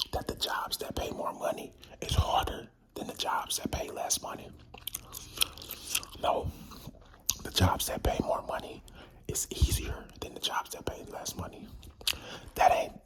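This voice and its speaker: A man's voice: measured pace, pauses often, poor audio. A man whispering a rambling, slangy, informal ASMR talk while chewing gum, with mouth sounds. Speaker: ASMR creator.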